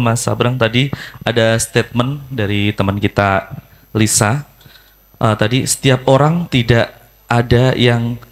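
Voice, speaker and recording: A man moderating a discussion session, brisk and informal, prompting the audience for questions. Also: mid-range voice. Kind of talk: casual moderating.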